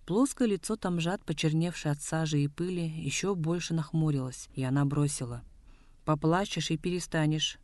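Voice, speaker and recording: Steady reader narrating a novel, dry sound. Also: medium pitch, dry recording. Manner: steady, measured storytelling reading. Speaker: audiobook narrator. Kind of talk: scripted literary narration.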